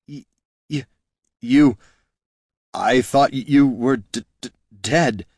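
A man's voice: medium pitch, slow, a little mellow, dry recording, clean studio sound, pitched above the performer's own voice. A man voicing a frightened male wizard who stutters and trips over his words. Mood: stammering. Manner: stuttering, panicked.

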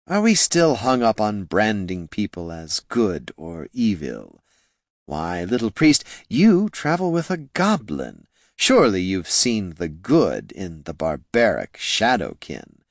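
A man voicing an undead male lich wizard, speaking slowly in a hollow, scornful, condescending way. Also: fairly low pitch, wildly swooping pitch, no room sound, clean studio sound, exaggerated voice. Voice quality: hollow, slow and drawn-out. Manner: condescending, dryly mocking.

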